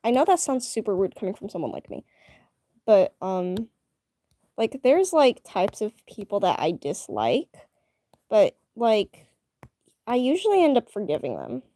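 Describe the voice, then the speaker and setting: A woman's voice: mid-range voice, big pitch swings, unhurried, pauses often, dark tone, no room sound. A young woman chatting casually with her live-stream viewers, rambling with lots of fillers and restarts.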